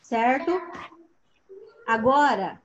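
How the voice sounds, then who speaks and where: A woman's voice: fairly high pitch, drawn-out words, highs cut off, a crowd in the background. A woman teaching a primary school class over a video call. She asks her pupils patient questions and calls on them by name. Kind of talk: online class instruction.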